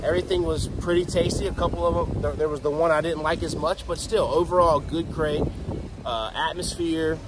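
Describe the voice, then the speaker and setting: A man in his thirties hosting a casual brewery review outdoors, with an upbeat, relaxed rundown. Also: on the high side, fairly quick, background noise. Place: outdoors by a parking lot.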